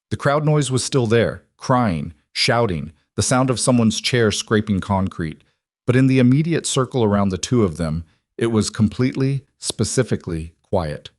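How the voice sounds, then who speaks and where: A man narrating a dramatic story in a measured, scripted reading. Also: on the low side, a little mellow, no room sound, clean studio sound.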